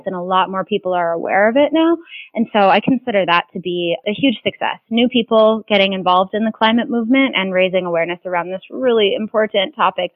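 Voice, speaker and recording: A woman answers interview questions in an earnest, rambling way, restarting her sentences often. Her voice sits at a middle pitch. It comes through a tinny, phone-like line with a dry sound. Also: no room sound. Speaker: climate activist being interviewed.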